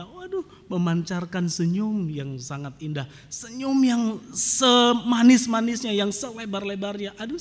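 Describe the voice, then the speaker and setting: A man preaching a sermon as pastor in a church, moving between soft chatty asides and loud emphatic points. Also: medium pitch, a little hiss or hum. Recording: church hall reverb.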